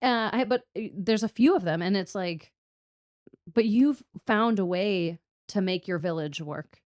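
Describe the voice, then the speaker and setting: A woman's voice: medium pitch, a little slow, a little mellow, dry recording. A woman co-hosting a chatty podcast, wandering from thought to thought and breaking into laughter often. Her voice sits in an ordinary middle range and comes through dry and close on the mic. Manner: rambling, laughs often, swears casually. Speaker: podcast co-host. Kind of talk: casual chat.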